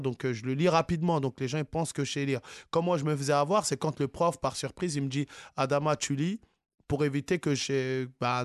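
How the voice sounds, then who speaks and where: Man, from France, interview guest, halting casual speech, many fillers, dry recording. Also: medium pitch, clean tone, no echo. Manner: hesitant, many fillers and restarts.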